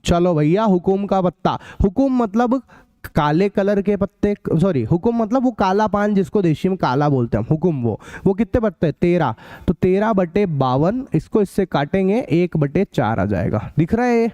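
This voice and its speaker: A young man with a North Indian accent teaching a live online maths class in a chatty way. He repeats key phrases slowly and calls his students beta and bhaiya. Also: high-pitched, lively intonation, mellow, no room sound, highs cut off. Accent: Hindi-speaking north India, local card-game terms. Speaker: maths tutor.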